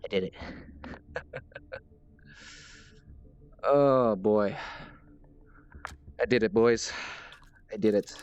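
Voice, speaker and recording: A man's voice: extremely slow, long pauses, darkish tone, clear, resonant tone, dry recording, highs cut off. Rambling, self-mocking man commenting on gameplay. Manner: bursts into high panicked yelps when under fire. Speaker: gaming video host. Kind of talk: casual let's-play commentary.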